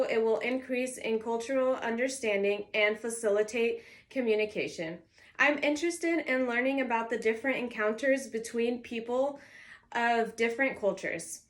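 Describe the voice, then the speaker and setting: With a fairly bright voice on the higher side, a 21-year-old woman reads out a prepared speech introducing herself in a college class. The speech is structured and signposted. She was raised in California, and Arabic is her first language.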